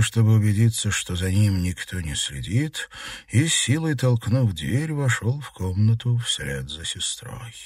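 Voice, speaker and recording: A man narrating an audiobook in a measured, even storytelling manner. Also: fairly low pitch, breathy edge, dry recording, studio quality, recorded from a distance. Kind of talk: scripted narration.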